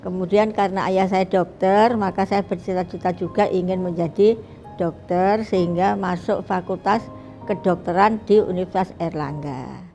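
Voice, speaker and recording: A woman in her seventies, a retired eye doctor, recalling her life in a slow, reflective interview with many pauses. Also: on the low side, steady tone, warm tone, soft background music. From Bali, Indonesia. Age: 70s. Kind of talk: recorded interview, personal reminiscence.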